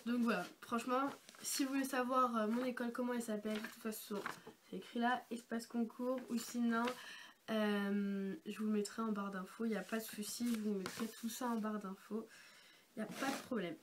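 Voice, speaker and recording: A woman's voice: fairly high pitch, steady tone, brisk. A young woman vlogger with a congested, sick-sounding voice, explaining things in a casual, chatty, rambling way. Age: young adult. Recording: noisy amateur home-video sound.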